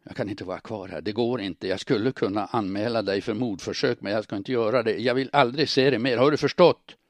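A man's voice: low-pitched, a little mellow, no echo. A man reading the lines of a tense young man trying to break off an affair. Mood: firm.

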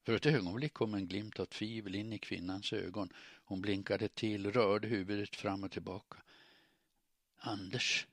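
A man reading an audiobook aloud in steady, measured narration. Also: fairly low pitch, no echo, clean studio sound.

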